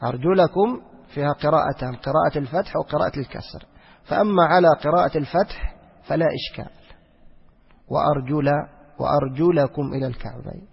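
Male teacher, slightly high and husky, repetitive question-and-answer lecture style, lo-fi hall recording. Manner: explains by asking questions and answering them himself; repeats phrases, slows down to recite verses. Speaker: teacher of Quranic exegesis. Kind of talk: religious lesson. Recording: lo-fi recording with long hall reverb.

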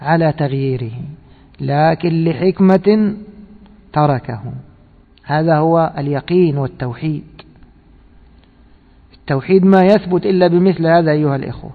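A man's voice: a little high, moderate pace, gravelly, pauses often. A man giving a scripture commentary lesson. He reads a text aloud, explains it, and quizzes his listeners with rhetorical questions. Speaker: religious teacher. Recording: tinny echoey hall recording.

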